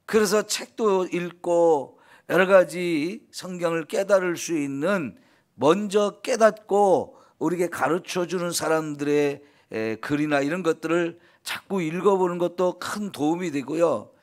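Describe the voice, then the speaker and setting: A man's voice: fairly high pitch, measured pace. A man preaching an early morning sermon as pastor, earnest and encouraging, often affirming with a short "yes.".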